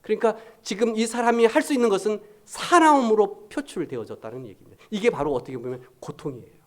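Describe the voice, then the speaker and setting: A man preaching a Sunday sermon in a conversational way, alternately rising with emphasis and dropping to a soft, low voice. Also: lively intonation, fast. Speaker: pastor.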